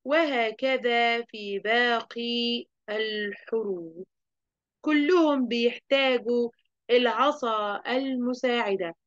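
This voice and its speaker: A woman teacher with an Egyptian Arabic accent tells children a story in a lively way, asking them questions as she goes. Her voice sits a little high. The sound is dry and a little dull and lo-fi. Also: slow pace, no echo.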